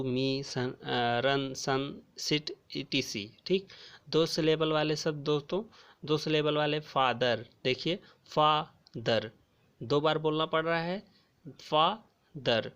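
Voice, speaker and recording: A man teaching a grammar lesson, speaking slowly and repeating key terms as he addresses his viewers as friends. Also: a little high, a bit bright, clean tone. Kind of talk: classroom lecture explaining grammar. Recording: dull lo-fi recording.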